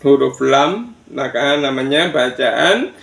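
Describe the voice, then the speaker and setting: Slow, gravelly male Quran teacher. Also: mid-range voice, expressive. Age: older. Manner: addresses children warmly, counts aloud and drills chanted recitation. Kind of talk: slow online Quran recitation lesson for children. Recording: echoey room.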